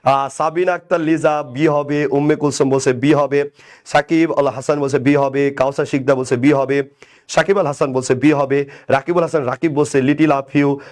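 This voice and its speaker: A man's voice: medium pitch, fairly even intonation, normal speed, a little mellow. A man with a Bangladeshi Bengali accent teaching a live online English grammar class, asking and answering his own questions and teasing commenters by name. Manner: conversational, asks and answers his own questions, repeats "right?".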